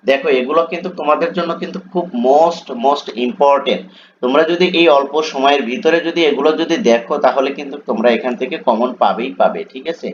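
A man's voice: medium pitch, fairly quick. A male teacher giving an exam coaching lesson. He spells out words letter by letter and keeps asking his students "right?". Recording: dull lo-fi sound with faint background noise.

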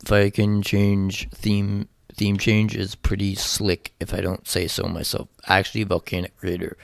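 A man's voice: fairly low pitch, monotone, a little slow, vocal fry, no room sound, studio quality. A man giving casual, rambling let's play commentary, swearing often and talking to himself as he plays. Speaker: gaming channel host.

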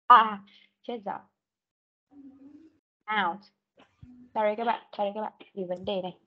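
A woman's voice: mid-range voice, fairly even intonation, fast, lo-fi sound. A woman teaching an English vocabulary class online, patiently calling out words one at a time for pupils to repeat. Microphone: computer mic on a video call.

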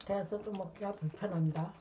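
A woman's voice: mid-range voice, steady tone, fast talker, dark tone, slight background noise. A middle-aged woman hosting an eating show, giving polite, formal tasting comments with her mouth full of pizza. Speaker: mukbang host, mother. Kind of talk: food review to camera.

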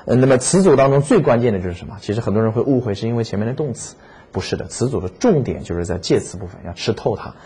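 A man's voice: medium pitch, expressive, very fast, dark tone, a little hiss or hum. A man teaching exam vocabulary in a lecture. He speaks emphatically, repeats key words and asks rhetorical questions.

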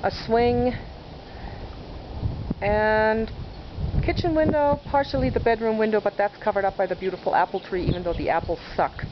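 A woman's voice: mid-range voice, normal speed, pauses often. Chatty woman touring her backyard garden. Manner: chatty, self-deprecating, narrating as she walks. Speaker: home gardener giving a garden tour. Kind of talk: casual walking video tour. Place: sunny backyard garden outdoors. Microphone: handheld camera mic. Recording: dull lo-fi camcorder audio with outdoor noise.

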